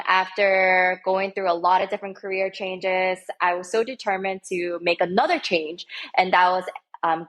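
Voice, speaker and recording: A woman in her twenties, a podcast guest from the United States, telling her story warmly with many ums. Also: fairly low pitch. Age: 20s. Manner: warm, chatty with many fillers. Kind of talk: interview storytelling.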